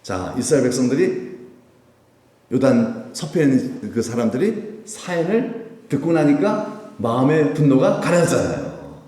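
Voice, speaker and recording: A man's voice: medium pitch, very animated, moderate pace, mellow. A man preaching a conversational sermon as pastor, asking the congregation questions and answering them himself. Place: church sanctuary. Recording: echoey church hall, mic at a distance.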